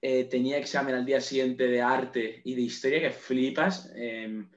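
A late-teen man talks in a loose, digressive way, cursing now and then as he wanders off topic. His voice sits at an ordinary pitch and sounds roomy and a little dull on a lo-fi recording. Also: steady tone, moderate pace. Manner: rambling, digressive, swears casually. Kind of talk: casual chat.

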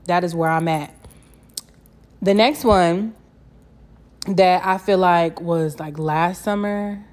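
A woman's voice: on the low side, steady tone, slow, darkish tone. A young woman chatting casually as a solo podcast host, candid and slangy, swearing freely and repeating phrases for emphasis. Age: young adult.

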